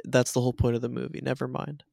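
A man's voice: mid-range voice, little pitch movement, fast, vocal fry, a little mellow. A man hosting a casual podcast discussion, talking in a reflective, self-deprecating way, with music behind him. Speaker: podcast host.

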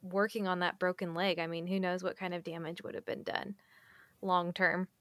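A woman's voice: on the low side, flat delivery, normal speed, a bit bright, no echo. A woman interviewing a guest, attentive and encouraging with brief reactions. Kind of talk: casual interview.

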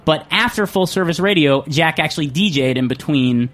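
Excitable, rambling male radio host. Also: fairly high pitch, normal speed. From not from New York. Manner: excitable and rambling, restarts often. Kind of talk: casual radio chat. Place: radio studio in a restaurant.

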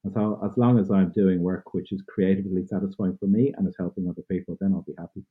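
An Irish man in his thirties, a podcast guest, gives earnest, thoughtful interview answers with loose phrasing and lots of fillers. His voice is low, steady, quick and slightly rough, heard over a tinny, phone-like line.

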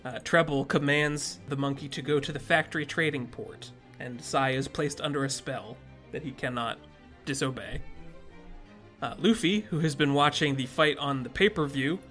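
A man's voice: mid-range voice, normal speed, fairly bright tone, faint music behind. A man hosting a podcast, casually recapping a plot with frequent "uh"s and laughs. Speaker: podcast host.

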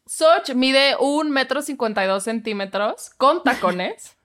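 A woman's voice: sits high, unhurried. A woman with an upper-class Mexican fresa accent, co-hosting a casual comedy podcast, telling stories with laughs and mimicking others. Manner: animated, laughing storyteller who mimics others. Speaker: podcast co-host and voice-over artist.

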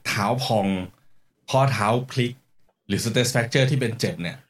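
A man's voice: mid-range voice, measured pace. A man who coaches runners and hosts a podcast, explaining training ideas in a casual chat and mixing in English sports terms. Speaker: running coach and podcast host.

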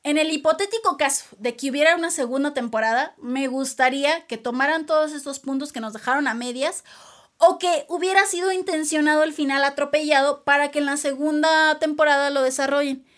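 A woman, co-hosting a casual chat that reviews a TV drama, chatty and expressive. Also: sits high. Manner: chatty, expressive, quick asides to listeners. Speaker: podcast co-host.

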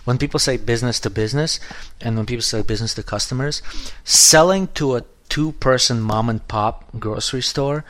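Man, 30s, podcast co-host, loose chatty delivery, sentences start over a lot, voice going hoarse. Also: medium pitch, brisk, hardly any pauses, fairly bright tone. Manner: rambling, restarts often, swears casually. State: losing his voice. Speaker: podcast co-host, app developer. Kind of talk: casual podcast chat.

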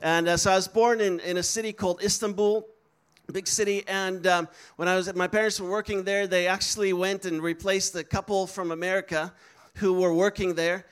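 Clear and resonant, his high voice moves briskly but with a flat delivery. The young Dutchman gives an encouraging, upbeat talk to a live missions school audience, calling out to the crowd.

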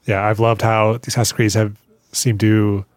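A man hosting an interview, asking relaxed questions at an easy pace. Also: fairly low pitch, normal speed, no room sound. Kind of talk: conversational interview.

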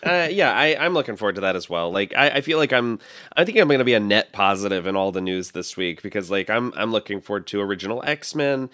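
Low-voiced enthusiastic male co-host. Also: animated, fast talker, fairly bright tone. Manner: enthusiastic, repeats words when starting. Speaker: podcast co-host. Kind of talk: casual chat.

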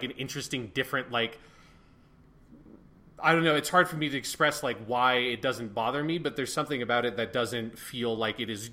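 A man co-hosts a casual review podcast, rambling loosely with lots of fillers and restarts and swearing freely. His voice is medium-pitched, bright and forceful.

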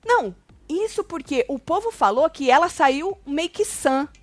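A woman with a Brazilian Portuguese accent commentates on reality TV in a brisk, gossipy way, slipping into little impressions as she quotes people. Her voice sits a touch high and sounds dry and close, with no room around it. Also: no room sound, soft background music. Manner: animated retelling, acts out quotes of others.

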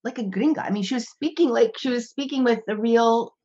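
A woman podcast guest telling animated, rambling anecdotes in casual conversation. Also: on the high side, fairly quick, breathy edge, lo-fi sound.

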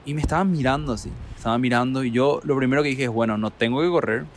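A man telling a travel story in a casual, animated way, acting out quotes and laughing. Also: mid-range voice, quick pace, slight background noise.

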